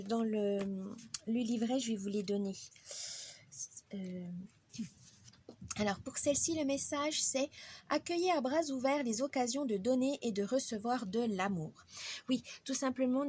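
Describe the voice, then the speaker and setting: A woman's voice: on the high side, darkish tone. A woman giving a casual weekly tarot reading, chatty and friendly, with frequent hesitations. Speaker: tarot card reader.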